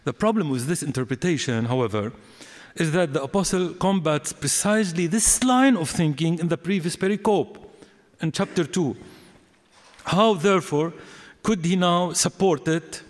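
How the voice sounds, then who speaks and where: A man giving an academic lecture on scripture, deliberate and explanatory, with fillers and restarts. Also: a little high, expressive. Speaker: biblical studies lecturer. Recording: long hall reverb.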